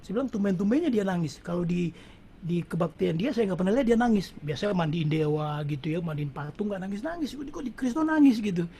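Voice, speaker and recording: A man's voice: high voice, quick pace, gravelly, warm tone, slight background noise. A middle-aged man telling a personal testimony at a prayer meeting in a casual storytelling way, often addressing the audience as brothers and sisters.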